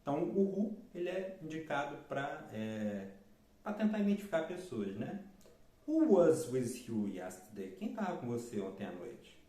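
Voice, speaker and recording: An animated man gives an English lesson, his pitch leaping up and down as he repeats each key word. He slows right down to read example sentences aloud. The sound carries a clear room echo. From Brazil. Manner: lively, repeats key words, reads examples slowly. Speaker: English teacher. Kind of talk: explaining English lessons in Portuguese. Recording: roomy echo.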